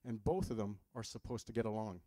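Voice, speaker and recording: A man's voice: lowish voice, brisk, mellow, no echo. Chatty male seminar speaker, dry sound. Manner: conversational, asks the audience questions, drops jokes. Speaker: health practitioner giving a seminar. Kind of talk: live seminar talk to an audience.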